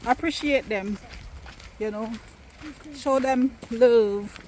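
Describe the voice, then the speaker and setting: A woman's voice: fairly high pitch, slow, a little hiss or hum. A woman from Jamaica with a Jamaican accent, chatting casually and emphatically in a family vlog, filmed outdoors in the countryside. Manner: animated, emphatic, playfully argumentative. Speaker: vlogger.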